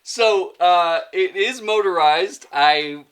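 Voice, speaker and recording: Man, somewhat high voice, casual chatty toy reviewer, self-deprecating. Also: takes it slowly, fairly bright tone, clear, resonant tone. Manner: rambling, self-mocking, chatty. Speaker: toy reviewer, channel host. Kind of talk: casual hands-on product review.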